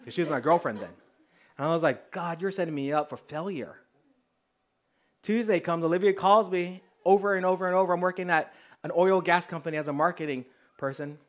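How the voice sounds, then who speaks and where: Lively storytelling preacher, higher-voiced man. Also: brisk. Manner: lively storyteller, acting out dialogue; conversational, addresses the congregation directly. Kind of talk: sermon with testimony stories.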